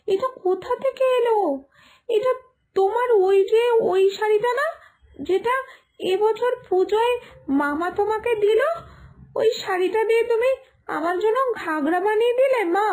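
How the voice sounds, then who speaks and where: A woman gives a very high-pitched, earnest and pleading performance as a devoted, self-sacrificing village daughter in an animated moral story. She sounds emotional, surprised and upset.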